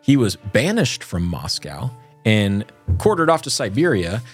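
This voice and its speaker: Low-voiced guy cohosting a podcast, jokey and chatty, faint music under. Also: sing-song, measured pace, slightly rough. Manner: joking, chatty storytelling. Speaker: podcast co-host. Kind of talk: casual chat.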